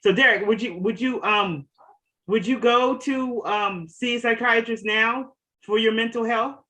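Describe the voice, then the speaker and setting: A man's voice: very high voice, a little slow, rough recording. A man co-hosting a podcast in a casual chat, asking his guest questions. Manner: asks questions, lively. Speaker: podcast co-host.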